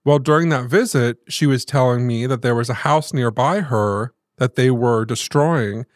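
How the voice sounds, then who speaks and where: A man from the American South tells a family anecdote on a podcast. He talks casually and puts on quick impressions of the people in the story. The recording is dry and close-miked, with no room sound. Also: mid-range voice, no room sound. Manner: animated storyteller, acts out quoted voices. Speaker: podcast co-host.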